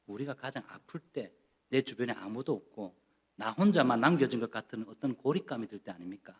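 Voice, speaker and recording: A middle-aged man preaching a sermon as pastor, telling homely personal stories in a lively, conversational way. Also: mid-range voice, brisk. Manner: animated, with playful personal stories.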